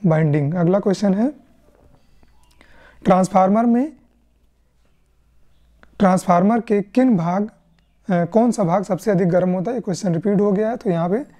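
A woman with an Indian accent and a dark, mid-range voice tutors for the electrician exam. She breaks questions down step by step in a question-and-answer lesson, regularly checking in with short tag questions.

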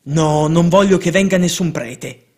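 A man's voice: fairly high pitch, unhurried. A man reading the lines of a stubborn, wealthy sick man who sets terms and brushes things off.

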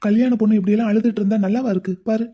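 A woman's voice: medium pitch, fairly even intonation, very fast, dark tone, breathy edge, close to an everyday voice. A woman voicing a caring, playful young man in a cartoon, coaxing and teasing his crying older sister in a chatty way. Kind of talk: Tamil cartoon voice acting.

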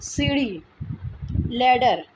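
A woman's voice: fairly high pitch, lively intonation, drawn-out words. A woman giving a vocabulary lesson, patiently repeating each word as she explains it. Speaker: teacher. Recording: noisy home recording.

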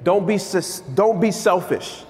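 A man in his thirties giving an energetic motivational keynote on stage in a large conference hall, asking the crowd questions. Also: high-pitched, a little slow. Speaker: keynote speaker. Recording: long hall reverb.

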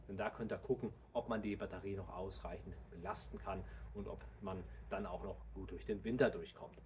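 Standing by a car in a driveway outside, a man in his thirties who hosts a DIY car channel explains things to his viewers steadily and directly. His voice is husky and medium in pitch.

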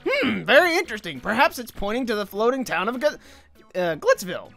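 A woman's voice: fairly high pitch, big pitch swings, brisk, creaky, a bit bright, faint music behind, exaggerated voice. A woman voicing an eccentric male scientist professor, reading game dialogue aloud and stumbling over some words. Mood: explaining.

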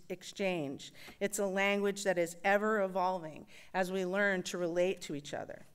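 Smooth-voiced woman giving a church reflection. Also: fairly low pitch. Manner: thoughtful, measured, with wry humor. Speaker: worship associate. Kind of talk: personal reflection in a church service. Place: church sanctuary.

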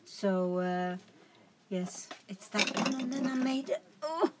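A woman's voice: a little high, lively intonation, slow, very noisy. A woman casually showing her crafts at home, rambling and correcting herself as she goes. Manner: rambling, chatty, self-correcting. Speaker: craft vlogger. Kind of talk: casual show-and-tell chat.

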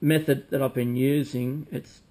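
A man, calmly demonstrating fly tying at a desk at home, talking while he works with frequent ums. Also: mid-range voice, measured pace. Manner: relaxed, talks while working, frequent ums. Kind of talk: casual demonstration. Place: home room with bookshelves, indoors.

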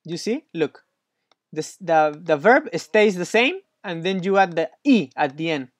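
A man's voice: a little high, expressive, unhurried, no echo, clean studio sound. A man tutoring Spanish one-on-one, patient and encouraging, praising often, with slightly non-native English phrasing. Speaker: Spanish teacher.

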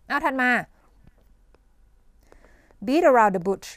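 A woman teacher explaining English idioms in a televised tutoring lesson, coughing now and then and dotting her talk with polite fillers and quick questions to the class. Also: fairly high pitch, lively intonation, dry recording, clean studio sound. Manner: coughs and clears her throat often.

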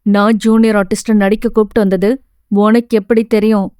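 A woman voicing a feisty young village heroine who talks in a sharp-tongued, teasing, whiny way. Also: mid-range voice, flat delivery, normal speed, smooth, dry recording, studio quality, lightly acted. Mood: sulky.

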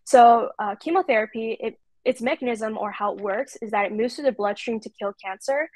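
Twenties woman presenting on a call, steady scripted read, slightly high voice. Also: dry recording. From California. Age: 20s. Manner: clear, steady reading of prepared notes. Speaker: intern presenter. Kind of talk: presenting slides on a video call. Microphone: video call.

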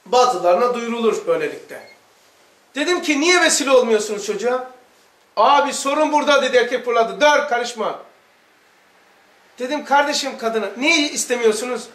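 Male religious teacher, high voice, animated storyteller, recorded from a distance in an echoey room. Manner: animated, acts out dialogue in quotes. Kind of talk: lively storytelling lesson.

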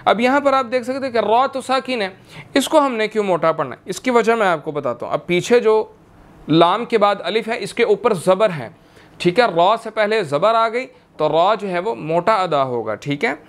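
High, smooth-voiced man teaching tajweed. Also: animated. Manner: slow drawn-out recitation, then explains each letter, says "theek hai" often. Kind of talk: recorded tajweed lesson.

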